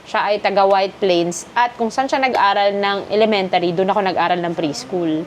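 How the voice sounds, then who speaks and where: A woman from the Philippines talks through her shopping haul in a relaxed, chatty way, moving easily between Filipino and English. Her voice sits at a middle pitch, with a faint hum of noise behind it. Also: normal speed. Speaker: vlogger. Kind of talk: casual haul vlog.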